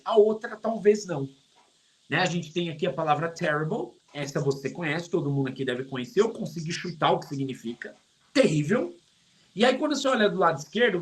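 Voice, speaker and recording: A middle-aged man with a Brazilian Portuguese accent, teaching English in an online lesson, joking and stretching English words out slowly to show their pronunciation. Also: high-pitched, low-quality recording.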